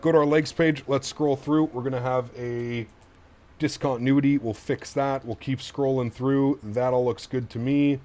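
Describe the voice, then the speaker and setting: While programming a flight computer on a flight simulator stream, a man thinks aloud casually and asks viewers what they think. His mid-range voice has a dark tone and fairly even intonation, at a normal speed.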